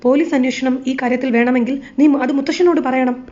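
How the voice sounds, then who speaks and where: A woman's voice: high voice, fairly even intonation, brisk, a little mellow, natural voice. A woman reading the lines of a sly young man, the scheming son, in a curt, dismissive way. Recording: slightly dull lo-fi recording.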